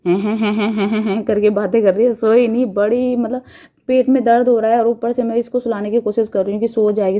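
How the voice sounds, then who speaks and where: Chatty woman, mellow voice. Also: medium pitch. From India. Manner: chatty, rambling, laughs often. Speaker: vlogger. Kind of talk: casual storytelling.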